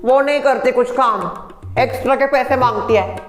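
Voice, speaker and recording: A man's voice: very high-pitched, fairly even intonation, normal speed, roomy sound, soft background music. A man playing a bragging housewife and daughter-in-law who chatters boastfully and repeats herself.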